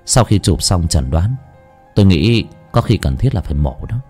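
Steady grave doctor, low voice, explains slowly, as a storyteller puts him on. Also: male voice, husky, faint music behind. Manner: measured, explanatory. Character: calm middle-aged male surgeon, measured, grave.

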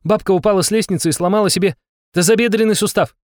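Man voicing a shrill cursing young shamaness. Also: fast, no echo, studio quality, lightly acted. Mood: heated. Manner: shouting, swearing, excitable. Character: brash foul-mouthed young woman shaman.

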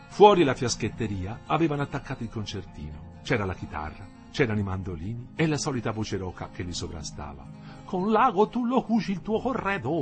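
A man narrating a novel aloud in a steady literary reading, voicing the dialogue as he goes. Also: on the low side.

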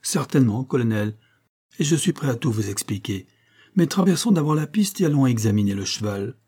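A composed detective explains himself with quiet assurance, as a man reading the story voices him. The voice is low-toned and mellow with a slight huskiness. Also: brisk, husky. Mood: calm. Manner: calm, composed. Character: calm, self-assured male detective.

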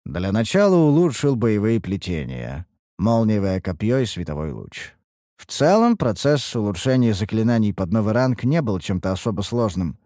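A man narrating a first-person fantasy audiobook in a steady, measured way. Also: fairly low pitch, dry recording, studio quality.

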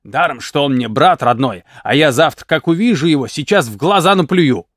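A man voicing a gruff old peasant uncle who grumbles and curses slowly and in a lower voice. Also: expressive, dry recording, clean studio sound. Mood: grumbling. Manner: grumbling, slow, cursing.

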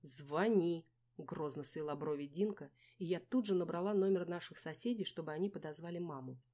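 Brief: woman audiobook narrator, somewhat low, warm tone, wry first-person reading. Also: brisk.

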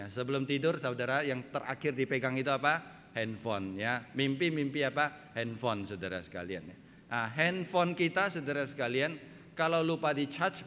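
A man's voice: mid-range voice, fairly bright tone. A male pastor preaching a sermon, who keeps asking his congregation rhetorical questions and addresses them again and again as brothers and sisters. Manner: acts out people's complaints in raised voices. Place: church sanctuary. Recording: reverberant church hall, faint background noise.

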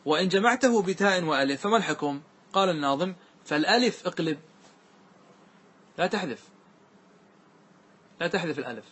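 A man teaching a grammar class, who questions his students often and repeats key points. He recites verse lines slowly and draws them out. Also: a little high, fairly bright tone, husky. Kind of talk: classroom lesson.

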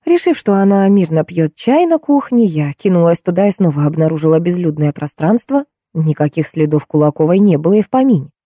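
A woman narrating a first-person audiobook with an expressive, animated delivery. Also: fairly low pitch, brisk, few pauses, no echo, clean studio sound.

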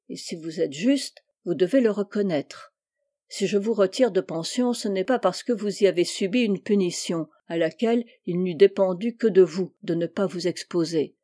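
A woman reading a stern, measured mother. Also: on the low side, dark tone, lightly acted. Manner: measured, firm, admonishing. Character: stern, wise middle-aged mother.

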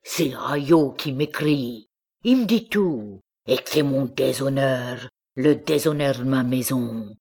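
A woman reading aloud puts on a proud old farmer, gruff and scolding, whose voice turns to a trembling lament. The timbre sits low and altered, set apart from the narration of an audiobook. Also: slow pace, a little mellow, heavily acted. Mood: furious.

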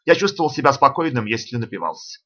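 A man reading the part of a fawning, sly old vagabond ex-soldier with a hoarse voice, as audiobook character reading. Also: medium pitch, sing-song, quick pace, fairly bright tone, highs cut off. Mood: mocking. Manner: wheedling, mocking.

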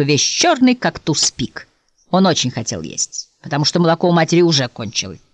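Lively, low-voiced woman storyteller. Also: no room sound. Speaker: audiobook narrator. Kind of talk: scripted narration.

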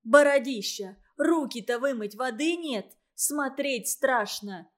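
Fiery young girl, indignant and tearful, read by a woman narrator, high and loud. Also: expressive, slow. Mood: scolding. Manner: indignant, scolding, close to tears. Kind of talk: audiobook reading.

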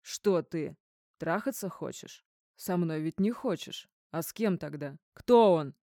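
A woman's voice: fairly low pitch, expressive, unhurried, warm tone, no room sound, clean studio sound. Woman voicing a drunk, threatening jealous man. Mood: jealous rage. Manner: barking, threatening.

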